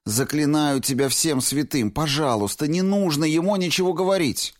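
A man's voice: fairly high pitch, moderate pace, voice pushed up, natural voice. A man voicing an earnest young woman, speaking in a raised voice that is emphatic and pleading, in an audiobook reading.

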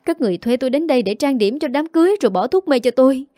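A woman narrator voicing a wronged young wife who speaks quickly and shrilly as she pleads and accuses, in an audiobook story. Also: expressive, darkish tone, no echo, clean studio sound, close to an everyday voice. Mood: furious. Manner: shrill, accusing, talks fast.

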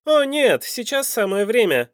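A cruel, lecherous crime boss barks and jeers in a raised, lively voice, as a male audiobook reader acts him out. The sound is dry and close, with no room around it. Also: very high-pitched, measured pace, no room sound, voice pushed up, full character voice. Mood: gloating. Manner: sneering, loud, scornful.

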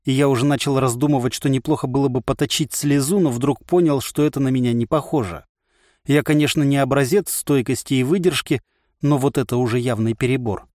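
A man's voice: medium pitch, fairly quick, a little mellow, no echo, studio quality. Wry male audiobook narrator. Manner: wry, sardonic storytelling. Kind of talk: first-person audiobook narration.

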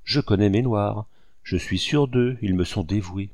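A courteous older planter voiced by a man talks as an earnest, kindly host. The voice is very deep and gravelly, dark in tone. The audiobook recording is dry. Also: measured pace, no room sound. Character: older male colonial planter, kind and worried host.

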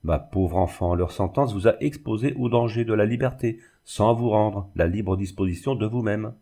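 A man's voice: fairly low pitch, normal speed, creaky, mellow. An older mother, anxious and tender, voiced by a man reading an audiobook, pleading earnestly.

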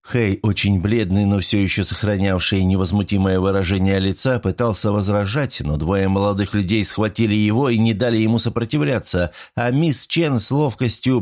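A man reading a story aloud in measured scripted narration. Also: fairly low pitch, darkish tone.

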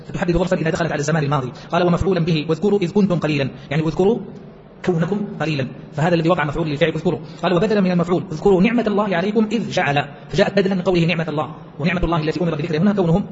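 Fast-talking man explaining a text. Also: a little high, darkish tone, highs cut off, a little hiss or hum. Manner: rapid, explanatory, quotes verses in between. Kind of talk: classroom text commentary.

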